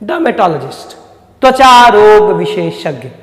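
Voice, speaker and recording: A man teaching vocabulary at an unhurried pace. His voice sits fairly high. He asks questions and answers them himself, in an echoey room with a long reverb. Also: sing-song. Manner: repeats key words slowly. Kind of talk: vocabulary lesson.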